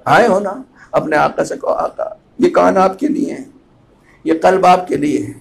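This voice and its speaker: A man delivering a Muharram majlis sermon as a cleric, impassioned, chanting Arabic phrases slowly and swelling to loud cries. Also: a little high, creaky, slight background noise.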